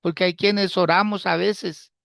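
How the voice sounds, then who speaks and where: A male pastor preaching a sermon in a slow, deliberate way. He repeats his phrases and puts rhetorical questions to the congregation. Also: high voice, steady tone, gravelly, a bit bright, no echo, studio quality.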